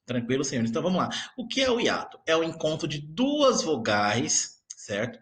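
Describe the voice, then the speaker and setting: A man's voice: a little high, huge pitch swings, normal speed, a bit bright. A man teaching a recorded grammar lesson, explaining patiently and checking in with his students again and again. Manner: keeps checking in with the class.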